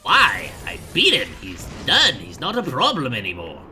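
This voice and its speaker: A man's voice: medium pitch, huge pitch swings, normal speed, pushed and bright, soft background music. A man giving playful, sarcastic let's-play commentary, making jokes and sing-song asides. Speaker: gaming commentator.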